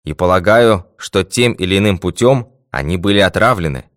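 A man's voice: sits low, normal speed, dry recording, clean studio sound, natural voice. A man reading the lines of a puzzled, careful male army doctor in a storybook tale.

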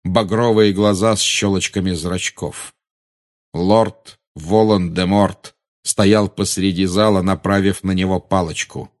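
A man narrating an audiobook in a dramatic, expressive style. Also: deep voice, measured pace.

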